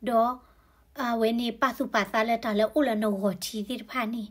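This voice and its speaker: A woman's voice: fairly high pitch, steady tone, moderate pace. A woman explaining health topics in a conversational way, often adding tag particles to her sentences. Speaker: health educator.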